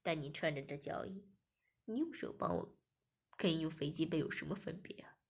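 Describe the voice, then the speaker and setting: A woman voicing a smug, domineering adult man in a read-aloud audio story, with a lowered, mocking delivery. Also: animated, moderate pace, slightly rough, heavily acted. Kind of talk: erotic audio story reading.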